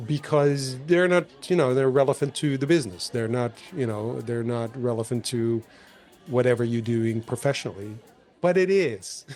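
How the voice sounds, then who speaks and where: A man's voice: medium pitch, moderate pace. Guy hosting a podcast, rambly, keeps restarting, faint music under it. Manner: rambling, many restarts, animated. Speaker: podcast host. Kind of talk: casual conversation.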